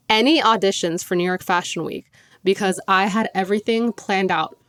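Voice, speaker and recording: On her solo podcast, a young woman talks casually and enthusiastically, leaning heavily on "like." The clean, dry studio recording captures a medium-pitched, fairly bright voice, steady in tone and normal in speed.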